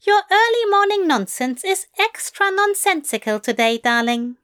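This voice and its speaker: A woman voicing a fussy, fond male angel who speaks in a genteel, prim and gently teasing way. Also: extremely high pitch, big pitch swings, normal speed, voice pushed up, full character voice.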